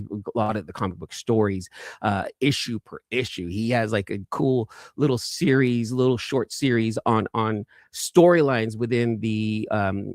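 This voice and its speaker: The lowish-voiced livestream host, a toy collector, chats conversationally with viewers and reads their comments, rambling and often repeating himself. The recording is dry and of studio quality.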